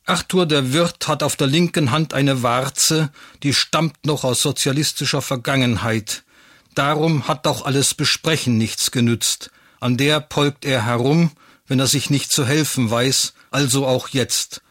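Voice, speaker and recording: A man's voice: mid-range voice, fairly even intonation, a little slow, a bit bright, no echo. Dry, close male storyteller. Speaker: narrator. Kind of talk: scripted story narration.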